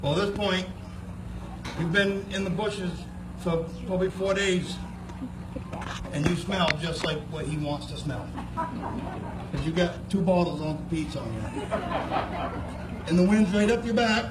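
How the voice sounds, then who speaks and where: A man's voice: sits high, animated, unhurried, long pauses. A man telling a humorous, folksy hunting-style yarn at an outdoor fair, as in a moose call contest. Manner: folksy, second-person yarn-spinning. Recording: distant, echoey, noisy outdoor fair recording.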